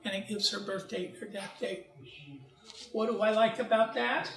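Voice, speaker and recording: In a library event room, a man gives an informal genealogy talk with slides, his voice high, gravelly and slightly bright with fairly even intonation. He speaks haltingly, often restarting sentences and turning to the audience with questions and asides. The recording quality is low.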